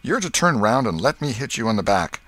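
A man reading aloud and voicing a bossy, excitable boy who plays at being an outlaw, with loud boyish calls. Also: on the low side, unhurried, pitched above the performer's own voice.

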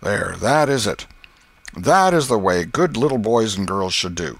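A man's voice: lowish voice, big pitch swings, a little slow, slightly rough, no echo, full character voice. A man voicing an earnest, pious Sunday school superintendent with a peculiar sing-song speaking tone, raised well above his own voice. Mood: sugary, coaxing. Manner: sing-song sanctimonious speech intonation.

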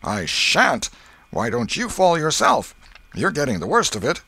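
A man's voice: mid-range voice, sing-song, a little slow, fairly bright tone, no echo, voice pushed up. A man reading aloud and voicing a stubborn boy who plays a rival knight, defiant and indignant. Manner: defiant, indignant, mock-old-fashioned talk.

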